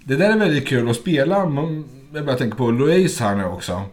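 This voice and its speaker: A man co-hosting a podcast, chatting casually and telling stories with frequent laughter. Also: mid-range voice. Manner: animated storyteller, laughs often. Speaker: podcast co-host. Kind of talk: casual chat.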